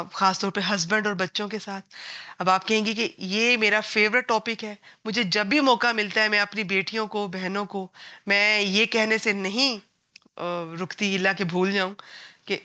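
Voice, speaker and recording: A woman teaching a Quran lesson to women, gentle and earnest as she gives advice. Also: mid-range voice.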